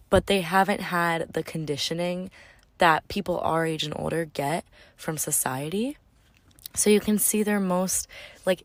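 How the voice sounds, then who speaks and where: Young woman, podcast co-host, fairly low voice, earnest, thoughtful, dry sound. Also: no echo. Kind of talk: casual podcast chat.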